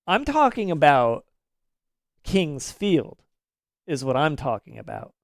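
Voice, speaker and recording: A man in his thirties rants through a live game stream in a fairly high, smooth voice. He is opinionated and swears casually, and the sound is dry and close, with no room echo. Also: very animated, takes it slowly.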